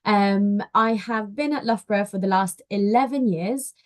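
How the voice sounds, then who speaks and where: A woman's voice: medium pitch, moderate pace. Friendly woman presenting on a video call. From Poland. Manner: friendly, frequent um fillers. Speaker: university outreach officer. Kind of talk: webinar presentation.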